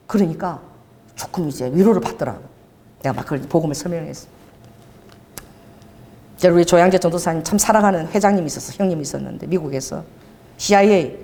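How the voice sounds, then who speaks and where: Lively woman pastor telling stories. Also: lowish voice. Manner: lively, storytelling, acts out voices in stories. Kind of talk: sermon with storytelling.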